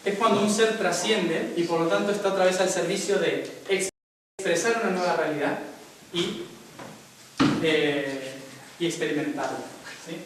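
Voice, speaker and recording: Young man, spiritual talk, slightly high voice, recorded far off in a big echoing room. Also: a little slow, long pauses, background noise. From Argentina. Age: young adult. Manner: explains step by step, often checking in with "¿sí?". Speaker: spiritual speaker. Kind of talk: spiritual talk to a live audience. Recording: very echoey room, mic far off.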